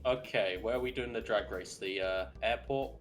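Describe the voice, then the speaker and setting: A man's voice: lowish voice, moderate pace. A man chatting casually and teasing his friends while racing in a driving game. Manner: wry, teasing, laughs easily. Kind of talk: casual gaming chat.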